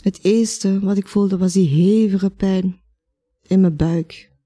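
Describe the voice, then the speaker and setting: A woman's voice: mid-range voice, steady tone, slow pace, dark tone, no echo. A woman from Belgium telling a personal story in a reflective way, acting out her own words and the words of others.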